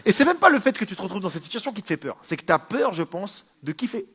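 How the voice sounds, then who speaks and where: A man's voice: high-pitched, sing-song, quick pace, bright, forceful tone, husky. A man performing a stand-up monologue in an informal, argumentative, sardonic way. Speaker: stand-up comedian.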